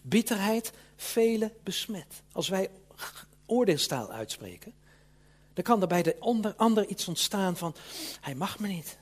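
Male preacher, fairly high and husky voice, earnest and emphatic sermon delivery.

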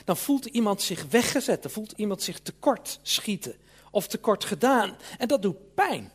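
A man delivers a sermon with earnest emphasis and frequent small checks on his listeners. His voice sits fairly high and has a husky grain. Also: very animated, moderate pace. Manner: earnest, emphatic preaching with tag questions. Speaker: preacher.

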